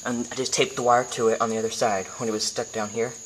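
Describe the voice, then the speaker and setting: In a noticeably noisy amateur recording full of clicks, an American man with an average-pitched voice hosts a casual hands-on video tutorial. He talks informally and haltingly, thinking aloud through each step in a flat delivery.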